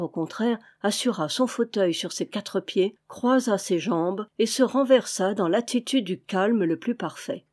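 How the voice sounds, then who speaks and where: A woman's voice: medium pitch, mellow. Woman reading a classic novel aloud. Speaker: audiobook reader. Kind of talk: scripted literary narration.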